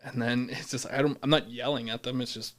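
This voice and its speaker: A man's voice: fairly even intonation, fairly quick, a bit bright. Blunt man who sounds grumpy. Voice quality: low-key voice he says sounds grumpy. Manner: blunt, laughs often while telling stories. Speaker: podcast co-host. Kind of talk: casual chat.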